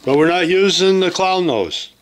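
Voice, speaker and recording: A man's voice: high voice, lively intonation, moderate pace, poor audio. A man hosting a casual studio visit, joking loosely and swearing now and then. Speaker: video host. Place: recording studio.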